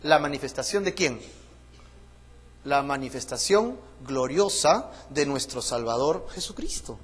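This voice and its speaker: A man preaching a Bible study sermon with a Peruvian Spanish accent, asking rhetorical questions and swinging between loud and hushed delivery. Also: mid-range voice, animated, unhurried, slightly rough. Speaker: pastor. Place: church hall. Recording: echoey church hall.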